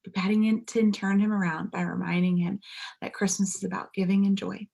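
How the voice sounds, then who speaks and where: With a gravelly, mellow, medium-pitched voice showing little pitch movement, a woman reads a children's storybook at a fairly quick pace. Her expressive, dramatic delivery speaks directly to young listeners, much like a pastor at story time.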